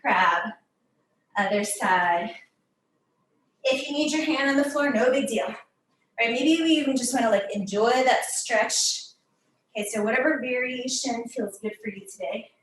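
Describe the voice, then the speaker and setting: A woman's voice: on the high side, moderate pace, long pauses, a bit bright, a little hiss or hum. A young woman fitness instructor, a little out of breath, counting down and calling out moves to her class. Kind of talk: cueing a workout class. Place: gym studio. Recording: echoey room from far off.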